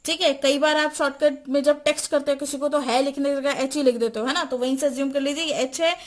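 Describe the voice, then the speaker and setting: A woman's voice: sits high, fairly even intonation. A woman teaching a chemistry lecture, repeating mnemonics and quizzing the listener. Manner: repeats and quizzes the listener, slow deliberate spelling-out.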